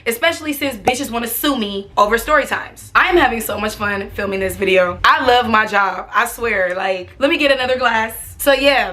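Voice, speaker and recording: A young American woman telling a casual storytime in a sassy, expressive, slangy way with plenty of swearing. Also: on the high side. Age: young adult. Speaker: storytime vlogger.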